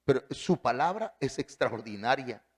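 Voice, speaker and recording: A man preaching a sermon, emphatic, with big swings in pitch and loudness. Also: lively intonation, moderate pace, slightly rough.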